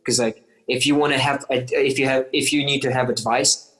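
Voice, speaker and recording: A man's voice: mid-range voice, steady tone, brisk, a bit bright, soft background music, poor audio. Eager young man telling stories. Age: 20s. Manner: eager storytelling, full of likes and restarts. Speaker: guest athlete. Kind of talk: casual interview chat.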